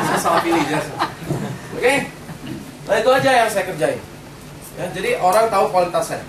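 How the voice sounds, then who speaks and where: A man's voice: high-pitched, lively intonation, moderate pace, pauses often, crowd noise. A man giving a motivational business seminar talk in a casual way, often asking the audience rhetorical questions. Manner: colloquial, keeps quizzing the audience with rhetorical questions. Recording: roomy hall, distant mic, background noise.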